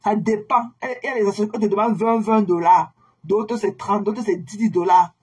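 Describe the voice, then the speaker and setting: A woman's voice: mid-range voice, fairly even intonation, normal speed, darkish tone, slightly rough. A woman, ranting scornfully at a rival and repeating her insults. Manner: mocking, scornful, repeats herself; drawls words out to sneer. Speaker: online commentator. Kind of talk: insulting rant addressed to a rival.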